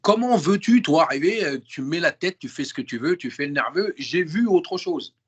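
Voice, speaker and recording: A man with a slightly rough, fairly high voice talks at a moderate pace. Appearing as an interview guest, he chats casually in slang, emphatic and animated, constantly restarting and repeating words.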